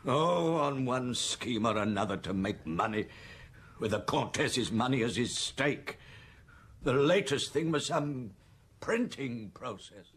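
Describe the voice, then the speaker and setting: In an audio drama, a male actor plays a middle-aged estate steward who sounds aggrieved and gossipy, grumbling with a knowing air. His medium-pitched, fairly bright voice is slow, with lively intonation.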